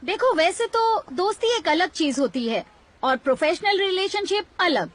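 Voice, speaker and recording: A woman's voice: very high-pitched, sing-song, moderate pace. A woman dubbing a pushy, money-minded young woman in a Hindi series, bossy and theatrical. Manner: bossy, wheedling, theatrical complaints.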